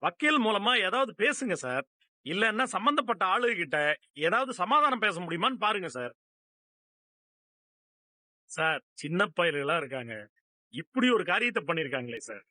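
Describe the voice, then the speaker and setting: An actor dubbing an earnest, sympathetic police constable in a TV serial who advises a worried family. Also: male voice, high voice, big pitch swings, moderate pace, pauses often, pushed and bright, no echo, full character voice. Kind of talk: dubbed TV serial dialogue.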